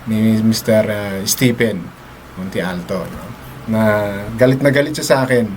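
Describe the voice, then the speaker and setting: With a lowish, darkish voice and a measured pace, a man chats with his live-stream viewers, mixing English into his Tagalog. Laughter comes often, as does the tag "no?", and there's a little hiss or hum in the audio.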